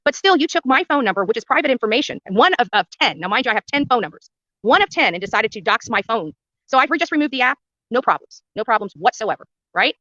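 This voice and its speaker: Quick and fairly bright, her slightly high voice swings widely in pitch, captured in a dry, muffled recording. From the roadside in front of a house, this independent commentator reports live to her viewers on her own show, blunt and indignant, repeating phrases to stress them.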